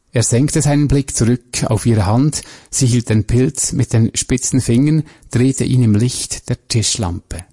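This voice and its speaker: A man narrates a crime story at a measured, even pace. His voice is dark and mellow, with a husky edge. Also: mid-range voice.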